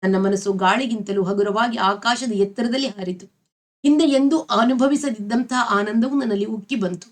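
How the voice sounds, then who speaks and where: A woman with a Kannada accent reading a novel aloud as a storyteller, in a steady, expressive way. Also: on the high side, normal speed.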